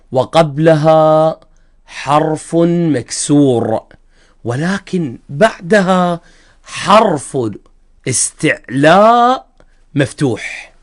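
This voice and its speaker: Iraqi male recitation teacher, fairly high voice, methodical, stretches example syllables. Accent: Iraqi Arabic. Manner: explains step by step, drawing out example sounds. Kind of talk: religious lesson on recitation rules.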